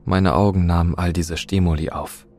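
A man's voice: low voice, steady tone, normal speed, darkish tone. A man narrating a scripted first-person horror story in a tense, dramatic way.

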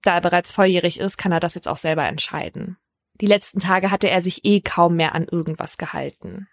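A woman hosting a true crime podcast, telling a case in a measured, scripted first-person narration. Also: on the low side, no echo, clean studio sound.

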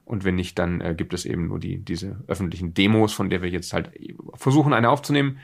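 Talking fast in a low, creaky, slightly rough voice, a man hosts a podcast and kicks it off with an unscripted, casual introduction. He explains things off the cuff, rambling and self-deprecating.

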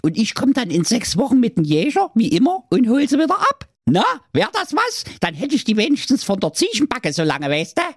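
A fed-up, foul-mouthed mother goat, played by a man nags and rants in a broad Saxon accent. The voice sits high and leaps about wildly in this comic audio fairy tale, recorded dry and close. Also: huge pitch swings, brisk, few pauses, slightly rough, no echo, exaggerated voice. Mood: scheming chatty. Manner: nagging, ranting.

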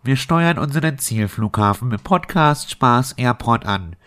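A man playing a mock airline captain who makes a formal cabin announcement from the cockpit in a deadpan announcer tone. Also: medium pitch, measured pace. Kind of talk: comedy podcast bit.

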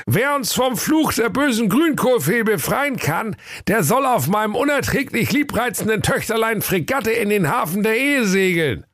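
A man's voice: sits high, sing-song, moderate pace, a bit bright, no room sound, clean studio sound, pitched above the performer's own voice, exaggerated voice. A man voicing a fat, grumpy, pompous old king in a comedy fairy-tale audio story. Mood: proclaiming. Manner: blustering, proclaiming.

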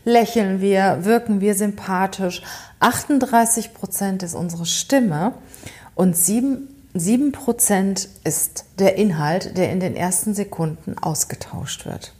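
A woman's voice: mid-range voice, measured pace, a little mellow. A woman hosting an educational podcast, talking straight to the listener and asking many rhetorical questions. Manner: speaks directly to the listener. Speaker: podcast host.

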